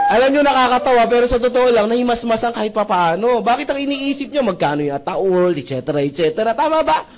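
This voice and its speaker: High-voiced man giving a joking sales seminar. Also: lively intonation, a little fast. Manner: jokey, with frequent rhetorical "tama ba?" checks; addresses the audience as brothers and sisters. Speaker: seminar presenter pitching membership benefits. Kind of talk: humorous sales talk to a live audience.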